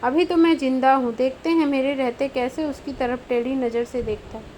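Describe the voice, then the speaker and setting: Audiobook: woman voicing an indignant old mother, high-pitched scolding. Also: steady tone, normal speed, a little mellow, slight background noise, natural voice, rough recording. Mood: angry scolding.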